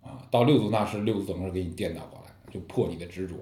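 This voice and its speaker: A man's voice: sits low, racing. A man teaching about Zen koans in a dharma talk, telling stories and asking rhetorical questions. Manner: lively storytelling with rhetorical questions. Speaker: Buddhist teacher. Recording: echoey room.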